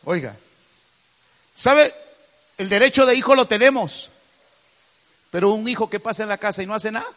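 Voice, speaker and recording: A man's voice: high-pitched, moderate pace, pauses often, a bit bright. A man, preaching a sermon as pastor, calling listeners "brother" and driving his points home with emphasis. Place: church hall. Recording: long hall reverb.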